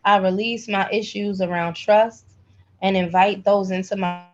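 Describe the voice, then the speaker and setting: A pendulum energy healer teaches a live spiritual healing class, speaking directly, emphatically and colloquially. Her medium-pitched voice is steady and a little slow, heard through slightly dull, lo-fi call audio.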